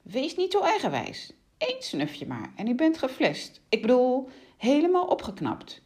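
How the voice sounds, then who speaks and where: A woman's voice: sits high, huge pitch swings, unhurried, darkish tone, voice pushed up, full character voice. A woman voicing a sly, bossy witch who coaxes and pushes in a mock-polite way. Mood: pushy. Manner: coaxing, pushy, mock-polite.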